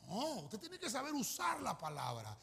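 A male pastor preaches a sermon in a high, husky voice. His pitch leaps and falls all over, and he swells suddenly loud before dropping back. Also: huge pitch swings, moderate pace.

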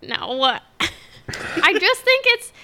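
A woman's voice: very high voice, big pitch swings, very slow, bright, forceful tone. A woman co-hosting a casual chat, earnestly defending her view of a TV character. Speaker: podcast co-host. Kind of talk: casual chat reviewing a TV episode.

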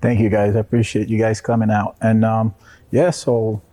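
A man from Brazil chatting casually as an interview guest, in a hesitant, halting way. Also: on the low side, level tone, warm tone. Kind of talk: casual chat.

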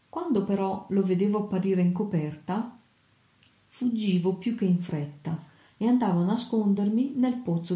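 A woman narrating an old adventure novel in a steady, measured audiobook reading. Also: on the low side, roomy sound.

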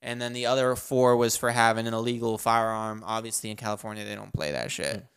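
Smooth-voiced man hosting a podcast. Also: lowish voice, steady tone, fairly quick, a bit bright. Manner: joking, laughs often, moves the talk along. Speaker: podcast co-host steering topics. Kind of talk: casual podcast chat.

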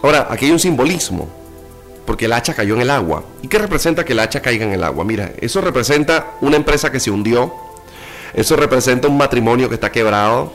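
Lively pastor preaching. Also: male voice, medium pitch. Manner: emphatic preaching with rising exclamations and playful asides. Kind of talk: sermon.

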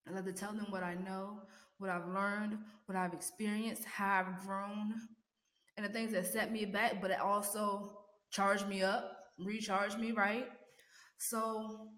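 A woman's voice: medium pitch, little pitch movement, measured pace, fairly bright tone. A woman hosting a casual motivational podcast, chatting encouragingly and directly to her listeners in an echoey, sparsely furnished room at home. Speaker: podcast host.

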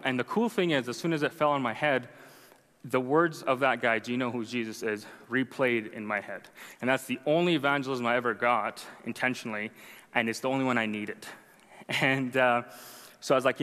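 In a large hall, a young Arabic-speaking man tells listeners the story of his conversion with a bright, forceful, medium-pitched voice. He keeps it conversational and self-deprecating, asking "right?" again and again.

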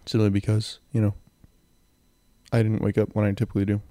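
A young man with a phlegmy, sick throat rambles in a low-key way as he hosts a casual solo podcast into a close handheld mic. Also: monotone, a little fast, mellow, no echo. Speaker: podcast host. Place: in bed, indoors. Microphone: handheld mic and audio recorder, close.

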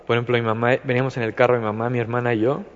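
A man with a Mexican accent leads an informal Bible study, his speech looping through fillers and restarts. His voice sits at an ordinary pitch. The recording is muffled and carries a long, hall-like reverb. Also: little pitch movement, rapid-fire, slight background noise. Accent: Mexican Spanish. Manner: rambling, many fillers and restarts. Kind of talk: informal devotional talk.

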